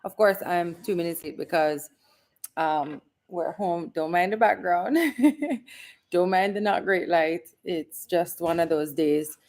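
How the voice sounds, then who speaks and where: A woman's voice: on the low side, takes it slowly, a little mellow. A Jamaican woman in her forties hosting a casual livestream from home, chatting upbeat and reading viewer comments. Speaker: host.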